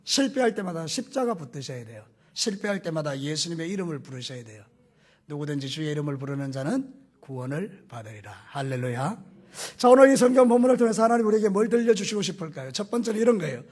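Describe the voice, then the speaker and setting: A male pastor preaching a sermon, animated and putting questions to the congregation, with folksy, humorous stories. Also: fairly high pitch, fast talker.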